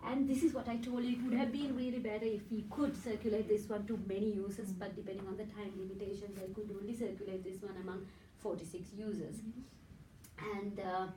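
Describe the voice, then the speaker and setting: A Sri Lankan woman whose first language is Sinhala gives an academic conference presentation in a hotel conference room, explaining her points step by step and often checking with "right?" Her Sri Lankan-accented voice is medium-pitched, level, brisk, and mellow, recorded from far off in an echoey room with a little hiss or hum.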